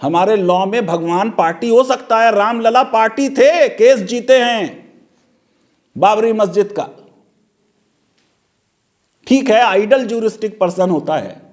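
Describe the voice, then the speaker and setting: Male legal commentator, high-pitched, sarcastic and full of rhetorical questions. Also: a little slow, pauses often.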